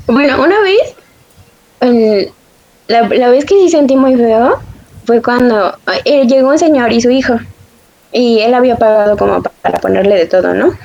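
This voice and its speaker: A woman's voice: on the high side, measured pace, gravelly, pauses often, darkish tone. A young woman, chatting casually and telling stories with frequent laughs. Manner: chatty storyteller, laughs often, self-described sensitive. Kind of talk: casual chat. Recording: dull lo-fi audio.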